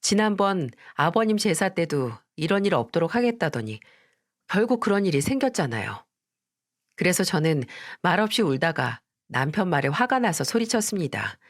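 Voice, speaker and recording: Woman storyteller, animated intonation, dry close sound. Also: on the low side, moderate pace, no room sound. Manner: expressive, indignant storytelling. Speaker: story narrator. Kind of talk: first-person story narration.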